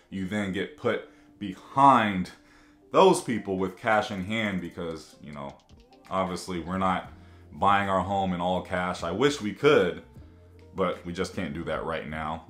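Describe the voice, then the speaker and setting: A man in his thirties, a vlogger chatting casually to camera from his home office, gesturing a lot as he talks. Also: sits low. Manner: animated, gestures a lot with both hands. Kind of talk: casual to-camera vlog chat.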